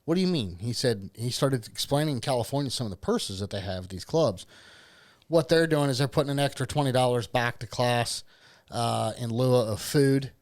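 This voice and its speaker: A man's voice: mid-range voice, normal speed. A man with an Ohio accent co-hosting a podcast, joking and rambling with restarts in casual chat. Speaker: podcast co-host.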